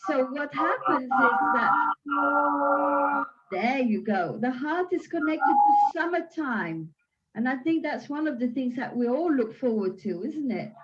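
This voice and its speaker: Gentle, slow-spoken woman guiding breathing. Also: high-pitched, animated, highs cut off. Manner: gentle, soothing, unhurried. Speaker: qi gong teacher. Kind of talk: guided breathing session. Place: home.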